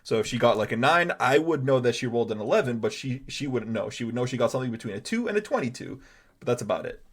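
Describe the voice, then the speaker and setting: A man's voice: medium pitch, animated, quick pace. A man narrating as game master of a tabletop game, chatty and rambling, with many fillers and restarts.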